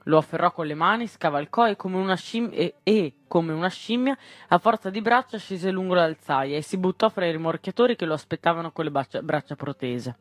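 A man with a somewhat high voice reads a literary short story aloud. The sound is dry and close, with no room around it. He often trips on a word and starts it again. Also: expressive, fairly quick, no echo. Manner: stumbles and corrects himself mid-word. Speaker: reader.

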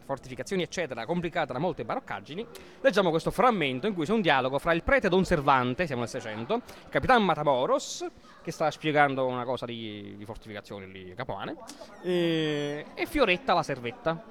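A man's voice: a little high, a bit bright. A man co-hosting a comic show, playful and theatrical, who fusses over grammar and introduces dramatic readings. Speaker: co-host.

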